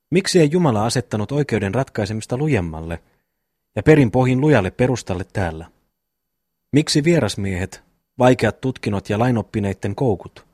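A man reading an audiobook, voicing a slow, rambling simple-minded peasant brother in a folksy way. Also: medium pitch, darkish tone, husky, dry recording, clean studio sound. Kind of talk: audiobook reading of a classic novel.

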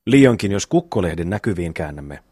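Man doing cheeky young brother, mocking, low husky voice. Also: very animated, darkish tone, dry recording. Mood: teasing. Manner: mocking, dry wit. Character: sly young peasant brother, teasing.

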